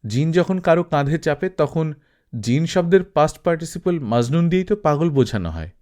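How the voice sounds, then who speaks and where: A man reading aloud, voicing a playful, quick-witted young Afghan woman who teases with questions. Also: a little high, lively intonation, dark tone, close to an everyday voice.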